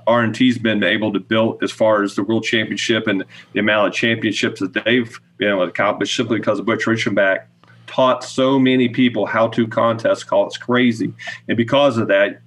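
Folksy middle-aged man, slightly low voice. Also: fairly bright tone. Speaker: podcast guest, goose call maker. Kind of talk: casual explanatory interview talk. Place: small indoor room with wooden shelves, on video call.

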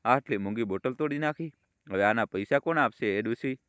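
A man's voice: brisk, a bit bright, clear, resonant tone, no echo, clean studio sound, close to an everyday voice. A man voicing a harsh, bossy young wife who mocks and scolds. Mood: scolding. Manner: shrill, mocking, bossy.

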